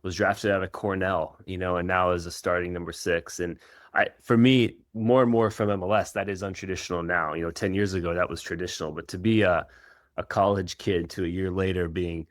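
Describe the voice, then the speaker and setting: This middle-aged professional soccer coach grew up in Israel and Kenya, then lived in the United States from age 13. He answers interview questions informally, reflecting and hesitating as he goes, in a low voice with fairly even intonation. The recording is dry and of studio quality.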